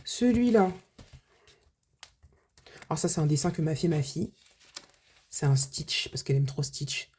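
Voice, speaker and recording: A woman's voice: low-pitched, expressive, a little slow, pauses often, dark tone, slight background noise. A woman budget vlogger chatting casually to her viewers, full of filler words and restarts. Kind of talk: casual vlog chat.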